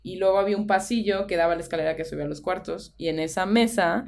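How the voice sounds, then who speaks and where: A woman's voice: on the low side, fast talker, vocal fry, darkish tone. A young woman with a Mexican Spanish accent, co-hosting a podcast and telling a spooky personal story in casual chat, dropping in English phrases. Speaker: podcast co-host.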